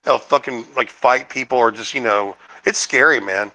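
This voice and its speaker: Male guest, bright forceful tone, emphatic, heavy swearing. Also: medium pitch, moderate pace, poor audio. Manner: profane, emphatic. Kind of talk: casual chat.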